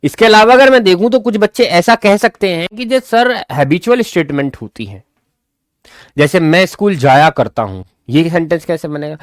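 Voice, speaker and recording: Fairly high-voiced male grammar teacher. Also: lively intonation, dry recording, studio quality. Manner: checks understanding often, calls listeners child; repeats example sentences slowly. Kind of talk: explanatory lesson.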